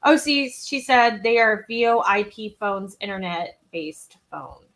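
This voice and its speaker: A woman's voice: medium pitch, animated, measured pace, fairly bright tone, low-quality recording. A woman co-hosting a live true-crime podcast, chatting casually and rambling with frequent laughs. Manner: rambling, giggly, self-deprecating. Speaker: podcast co-host. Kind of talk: casual live-stream chat.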